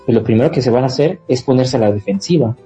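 A man's voice: medium pitch, quick pace, warm tone, dull audio, soft background music. A man, a therapist hosting a live talk show about relationships, explaining in a conversational way with everyday examples and frequent fillers.

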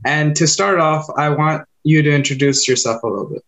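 A man hosting a podcast, opening with a measured, formal greeting and then interviewing his guest. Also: a little high, a bit bright. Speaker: podcast host. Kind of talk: scripted podcast intro and interviewing.

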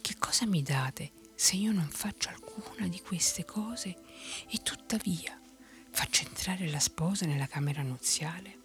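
A woman voicing a cunning male traveler in whispered role-play, in a soft unvoiced whisper. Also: fairly low pitch, a little slow, faint music behind. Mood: sly. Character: cunning male traveler who tricks people.

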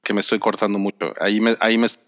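A man's voice: on the low side, flat delivery, rapid-fire, a bit bright. A man talking casually on a video call whose internet audio keeps cutting out, checking repeatedly whether the others can hear him. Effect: choppy internet call audio that keeps cutting out. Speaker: remote podcast co-host.

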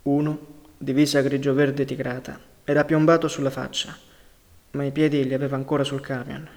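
A man reading a novel aloud in a measured, grave narration. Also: mid-range voice, little pitch movement, in a large hall. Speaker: audiobook reader.

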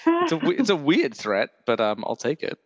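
A man hosting a podcast in casual chat, with a gravelly voice hoarse from illness and a long day of talking, joking and self-deprecating as he rambles. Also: on the high side, wildly swooping pitch, moderate pace, no room sound, big-room sound, muffled recording. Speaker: podcast host.

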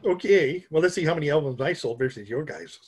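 Middle-aged guy from minnesota, kinda high voice, rambly jokey podcast chat. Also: expressive, fast talker, slightly rough. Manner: rambling, joking, self-mocking. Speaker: podcast co-host. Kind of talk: casual chat.

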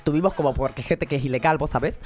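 A woman's voice: low voice, fast, a little mellow, faint music behind, lightly acted. A woman with an Argentine accent voicing a frivolous, callous rich lady in a comedy radio sketch. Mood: amused. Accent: Argentine Spanish. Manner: haughty, giggly, shrugging off harm.

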